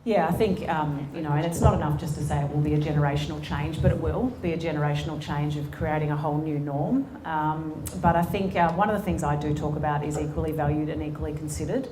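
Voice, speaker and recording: A woman's voice: sits low, steady tone, quick pace, hardly any pauses, noisy background. A woman in her forties with an Australian accent, speaking earnestly with many ums and restarts as a guest in an on-stage conversation. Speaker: sports executive and guest speaker. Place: conference room before an audience. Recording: echoey event room.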